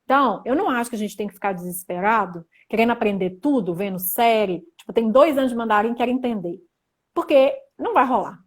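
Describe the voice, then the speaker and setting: A woman's voice: fairly high pitch, animated, fast talker, husky. A young woman from Brazil hosting a casual livestream lesson, chatting and reading viewer comments aloud. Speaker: livestream host teaching Mandarin.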